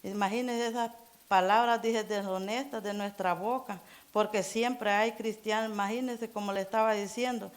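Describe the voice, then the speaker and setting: A middle-aged woman giving an informal church sermon in an earnest, halting way, restarting phrases and repeating words as she goes. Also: medium pitch, fairly even intonation. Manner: keeps urging listeners to imagine. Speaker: church member preaching.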